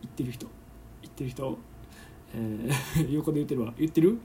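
Kansai guy rambling on his own radio show, chatty, keeps laughing, mid pitched voice. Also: normal speed, mellow, a little hiss or hum. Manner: chatty, laughing often, acts out awkward moments. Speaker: podcast host. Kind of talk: casual solo radio chat reading listener letters. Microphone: phone, streaming live while recording.

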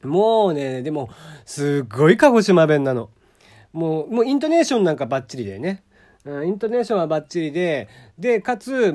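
A man's voice: a little high, a little mellow. A man from Kagoshima hosting a casual solo podcast, chatty, laughing often and using many fillers. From Kagoshima, Japan. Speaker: podcast host.

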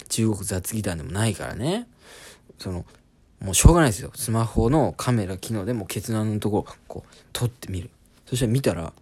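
This podcast-hosting comedian in his twenties has a fairly low, slightly mellow voice. He delivers a laid-back comic monologue about something embarrassing that happened to him, poking fun at himself.

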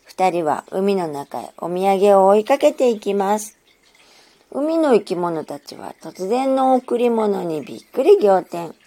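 A woman narrating a children's story in a gentle, measured storytelling manner. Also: medium pitch, lively intonation.

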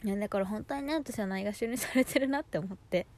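In her personal audio diary, a woman in her twenties rattles off stories fast in casual gyaru-style slang, sounding lively and fed up. Her pitch sits in the middle range, and the whole thing feels like a chatty vent session.

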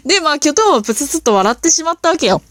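A woman hosting a casual solo talk, telling stories in an animated, chatty way with lots of fillers. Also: sits high, racing, dry recording, studio quality. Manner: animated storytelling with impressions. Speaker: podcast host.

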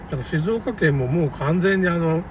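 A man with a slightly high voice talks in a loose, conversational monologue, opinionated and rambling. His intonation rises and falls widely. He sounds some way from the microphone, with clear vehicle and street noise around him. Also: expressive, moderate pace. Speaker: commentator recounting a local flood. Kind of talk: casual unscripted monologue. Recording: noisy, distant mic, car and outdoor ambience.

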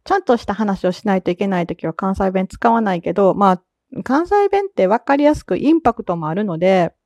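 A woman with a Kansai accent chatting casually on her own podcast, laughing often and filling pauses as she goes. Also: mid-range voice, expressive, darkish tone, dry recording. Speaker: solo podcast talker. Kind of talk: casual solo chat.

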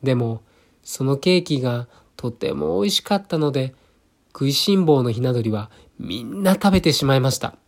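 A man's voice: medium pitch, animated, normal speed, vocal fry. A young man hosting a solo audio show, reading a fairy tale aloud and breaking off into chatty, musing asides. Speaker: solo podcast host.

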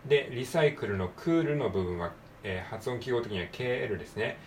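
Low-voiced Japanese man drilling pronunciation. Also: lively intonation, a little hiss or hum. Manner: patient, slow repeated drilling of words. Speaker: English pronunciation teacher. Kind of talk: solo read-aloud practice lesson.

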